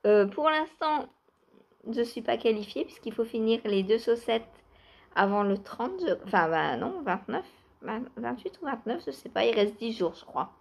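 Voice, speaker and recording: Chatty woman, higher voice. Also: creaky. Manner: chatty, laughs often, many fillers. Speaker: knitting vlogger. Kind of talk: casual knitting vlog chat. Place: outdoors or by open door, cool weather.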